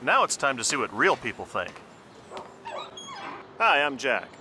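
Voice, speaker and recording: A smug, cocky ad mascot. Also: male voice, medium pitch, sing-song, a little slow, sharp tone, slight background noise, exaggerated voice. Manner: smug, sarcastic, self-assured. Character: cocky mascot, grown man with ball head, smug. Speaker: ad spokesman. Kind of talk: scripted TV ad spokesman.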